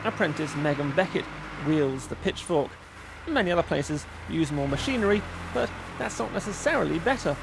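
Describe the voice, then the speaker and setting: A man's voice: a little high, animated, normal speed, gravelly, hardly any pauses, background noise. A man narrating a nature-reserve documentary in a light, wry voice-over.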